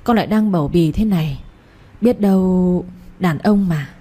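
A woman's voice: on the low side, normal speed, mellow, lightly acted. Woman doing a sly scheming old aunt. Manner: wheedling, sly.

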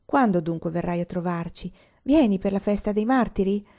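A woman's voice: medium pitch, moderate pace, warm tone, close to an everyday voice. A woman reading a shy young shepherd boy. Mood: timid. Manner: timid, earnest. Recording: slightly muffled recording.

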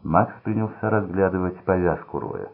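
A man reading a crime novel aloud in a steady, measured way. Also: low voice, gravelly, breathy edge. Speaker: audiobook narrator. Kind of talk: scripted crime novel narration. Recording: tinny phone-like sound.

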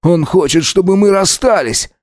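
A man's voice: moderate pace, dry recording, close to an everyday voice. A man voicing a drunk, spiteful young man who mocks and snaps at those around him, in an audiobook reading. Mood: furious. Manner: mocking, shrill, aggressive.

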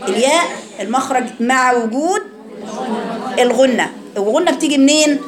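A woman's voice: sits high, expressive, normal speed, reverberant, a crowd in the background. A woman with an Egyptian accent teaching a class on Quran recitation, asking her students questions and demonstrating sounds. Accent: Egyptian Arabic. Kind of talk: classroom lesson.

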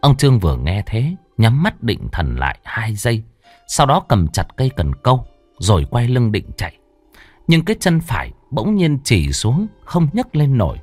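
Expressive male horror storyteller. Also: mid-range voice, moderate pace, slightly rough, dry recording, faint music behind. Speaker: narrator. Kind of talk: storytelling narration of a horror tale.

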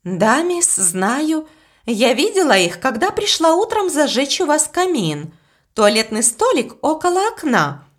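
A woman's voice: high voice, very animated, measured pace, voice pushed up. Defiant young housemaid, as a woman reads her. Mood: respectful.

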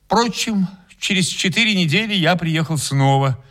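A man's voice: high-pitched, animated, normal speed, fairly bright tone. A man narrating a story in the first person and voicing the hero, in a dry, ironic, composed way. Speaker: narrator and main character. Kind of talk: acted radio reading.

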